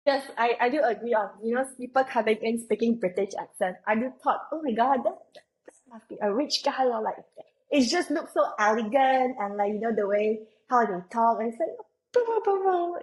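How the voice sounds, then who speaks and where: A young Malaysian woman appears as a podcast guest, reflecting in a casual, rambling way with frequent fillers during a conversational interview. Her voice is on the high side with lively intonation and a moderate pace, in a rough recording.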